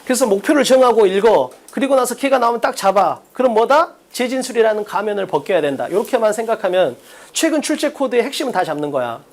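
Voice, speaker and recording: A man's voice: high voice, lively intonation, quick pace. A man teaching an online exam-prep English lecture, drilling students with constant rhetorical questions.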